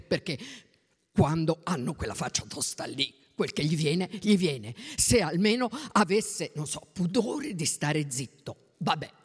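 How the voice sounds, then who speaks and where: Reader putting on a loud ranting older woman, lower voice, bitter and blunt, long reverb. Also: husky, full character voice. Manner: indignant ranting, shouting.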